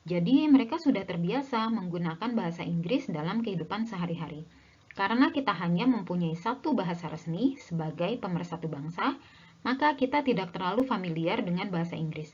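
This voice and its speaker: Husky young woman teaching a lesson. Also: on the low side, expressive, fairly quick, a little mellow, lo-fi sound. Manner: friendly, addresses viewers as friends. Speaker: language teacher. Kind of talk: scripted educational narration.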